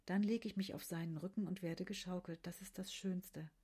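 Brief: female narrator for a quiet literary story, hushed delivery, mellow husky tone. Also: fairly low pitch, fairly even intonation, normal speed. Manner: hushed, often dropping to a whisper.

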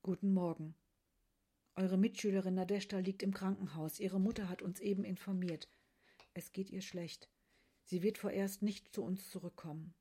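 A woman voicing a male schoolteacher who speaks in a formal, measured way. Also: medium pitch, steady tone, warm tone, breathy edge, natural voice. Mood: grave. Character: male schoolteacher, grave announcement.

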